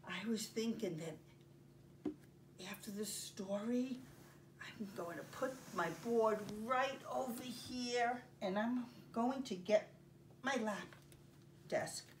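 Reading a story and demonstrating a craft for young children, an older woman speaks in a slightly high voice, keeping her phrases simple and deliberate with pauses. The setting is a carpeted home living room, recorded by a camera several feet away, with a distant sound and faint room noise.

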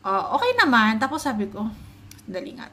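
A woman's voice: a little high, very animated, moderate pace, sharp tone, slight background noise. A young Filipina mother from the Philippines, pregnant, chatting casually in a home vlog and retelling a story with quoted dialogue. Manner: chatty, mixes Tagalog and English, retells her own quoted words. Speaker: vlogger, stay-at-home mom.

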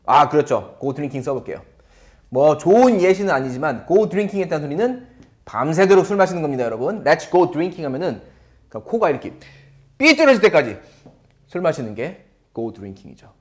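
A man's voice: fairly high pitch, expressive, normal speed, darkish tone. A man teaching an English lesson to viewers in a playful way, asking them questions.

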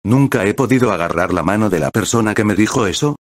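A man's voice: lowish voice, animated, quick pace, no echo, natural voice. A man voicing a desperate, defiant young male hero in an audiobook.

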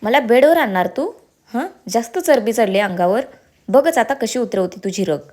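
A woman's voice: fairly high pitch, animated, normal speed, darkish tone, close to an everyday voice. Woman voicing a sassy, fierce young wife. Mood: menacing. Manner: sassy, mocking.

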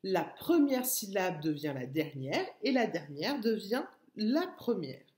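A woman's voice: mid-range voice, big pitch swings, slow, darkish tone. A woman teaching a phonics lesson to young children, articulating each syllable with sing-song emphasis. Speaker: kindergarten teacher. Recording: echoey room.

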